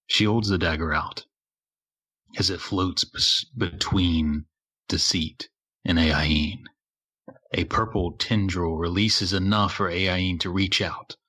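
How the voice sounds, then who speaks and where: A man narrates a tabletop game as its game master in slow, measured descriptions. His voice is low and rough, with a sharp, bright edge. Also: fairly even intonation.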